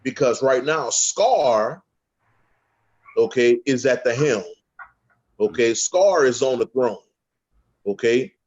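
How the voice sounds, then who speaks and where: Slow, profane man talking spirituality casually, constant "okay?" check-ins; muffled low-fi audio. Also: lively intonation, a little mellow. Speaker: guest speaker on a spiritual panel.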